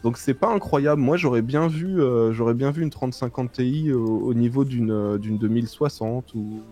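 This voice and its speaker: A man's voice: mid-range voice, normal speed. Man reading tech news casually. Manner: relaxed, reads out news with hesitations.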